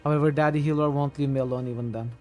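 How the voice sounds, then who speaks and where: A man's voice: on the high side, steady tone, rapid-fire, warm tone, close to an everyday voice. A man voicing a smug, teasing young female cult sorceress from a video game in a theatrical, mocking way. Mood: smug, defiant. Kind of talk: reading video game dialogue aloud. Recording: music behind the voice.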